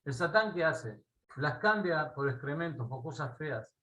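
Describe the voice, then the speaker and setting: A man with an Argentine accent teaching a Torah class. He tells a parable in a lively way and often checks in with his listeners. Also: fairly high pitch, a little slow, low-quality recording. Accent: Argentine Spanish. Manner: animated storyteller, asks listeners "¿sí?" often.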